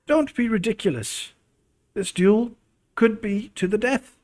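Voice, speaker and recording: A man voicing an older woman, a wise and worried clan mother, with earnest, gentle advice in a role-playing game. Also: high voice, measured pace, voice pushed up.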